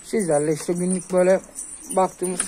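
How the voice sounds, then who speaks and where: Here the pigeon keeper's high voice holds a fairly even intonation at a moderate pace, though the audio is poor. Outdoors on his rooftop, phone in hand, he advises viewers in a relaxed, sincere vlog and summons pigeons with gentle hissing.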